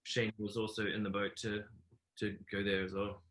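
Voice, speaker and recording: A young man from New Zealand, a podcast guest telling his life story in a relaxed, rambling way with many fillers. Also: lowish voice, normal speed. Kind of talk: casual conversational interview.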